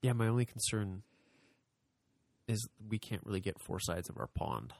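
Husky man making dry, teasing asides. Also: on the low side, very animated, moderate pace, a little mellow, no room sound. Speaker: podcast co-host. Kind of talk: casual chat.

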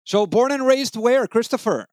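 A man's voice: very high voice, expressive, normal speed, darkish tone, no room sound. A man hosting an interview podcast, upbeat, often repeating words as he searches for phrasing. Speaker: podcast host.

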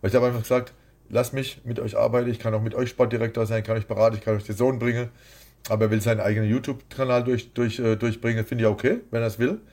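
Man, boxing promoter, blunt, rambling, fast, mid-pitched. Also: little pitch movement, darkish tone. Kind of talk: casual interview.

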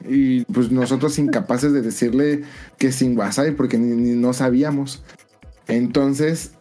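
A man with a Mexican accent tells a long anecdote in loose, slangy podcast talk. His voice is mellow and warm, with a soft bed of music under it. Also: medium pitch. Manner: colloquial, rambling anecdotal storytelling. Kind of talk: casual podcast chat.

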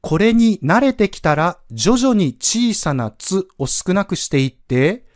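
A man's voice: sits high, sing-song, unhurried, no echo, clean studio sound. A man teaching a pronunciation lesson on a podcast, explaining patiently step by step and demonstrating sounds aloud. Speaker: French language teacher.

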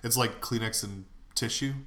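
Low-voiced man, bright and relaxed. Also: moderate pace. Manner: easygoing, agreeable, tells anecdotes. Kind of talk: casual chat.

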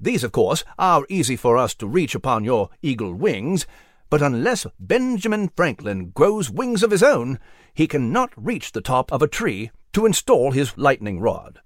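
A man's voice: mid-range voice, sing-song, moderate pace, no echo, clean studio sound. A man doing a prim mouse. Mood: earnest. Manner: formal, fussy, polite. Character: prim, genteel English male mouse.

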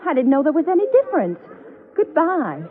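An actress playing a naive, chatty young woman tourist who gets flustered, in 1930s film dialogue, halting and earnest. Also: high voice, huge pitch swings. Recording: tinny, hissy old film soundtrack.

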